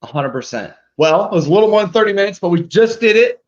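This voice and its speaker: Pitched high and swinging widely, a man's voice races along as he hosts a live marketing show. He critiques and presents in an emphatic, informal manner, constantly adding tag questions to win agreement, all in dull lo-fi sound.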